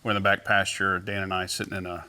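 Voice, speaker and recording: A middle-aged man with a low voice sits for an interview as a company founder. He tells his stories in a loose, easygoing way, padding them with fillers and restarts. His tone is bright and forceful despite the low pitch. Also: quick pace. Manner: relaxed, anecdotal, many fillers and restarts. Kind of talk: casual interview storytelling.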